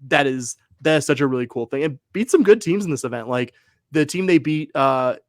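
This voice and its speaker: A man's voice: on the high side, lively intonation, fairly quick, no room sound. Casting note: male podcast co-host, casual rambling delivery, dry close sound. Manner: rambling, frequent fillers and self-corrections. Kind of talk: casual sports podcast chat.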